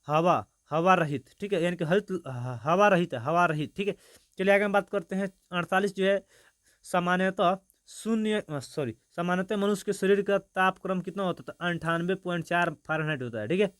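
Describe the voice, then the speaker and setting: Young male tutor, high-pitched, informal and rapid, restarts often, dry close sound. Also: a bit bright, no echo. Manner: talks fast, with frequent restarts and repeated "ठीक है". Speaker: teacher going through an exam answer key. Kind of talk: informal online class.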